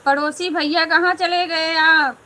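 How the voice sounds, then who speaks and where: A woman's voice: very high-pitched, steady tone, a little slow, sharp tone, rough recording. A woman hosting a casual live stream, chatting with viewers and greeting them by name.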